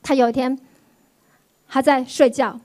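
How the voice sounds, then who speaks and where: A woman pastor, giving a sermon testimony in an animated storytelling way. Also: high voice, unhurried. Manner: animated storytelling, acts out quoted voices.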